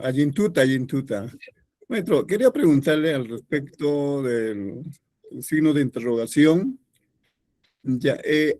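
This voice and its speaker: A male student asks his teacher a question, politely and with a little hesitation. His voice sits slightly high, and the sound is dry and close. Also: a little mellow, no room sound. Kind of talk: asking a question in class.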